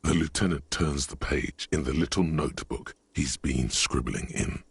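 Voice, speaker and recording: An actor voicing a wry, deep-voiced male narrator in a video game, speaking in a measured, sardonic way. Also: creaky, a little hiss or hum. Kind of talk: scripted narration.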